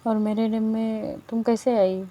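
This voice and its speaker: A flustered young woman in a spoken story, stammering and defensive, voiced by a woman narrator. Her voice is very dark and mellow, with a flat, even pitch. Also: a little slow, natural voice.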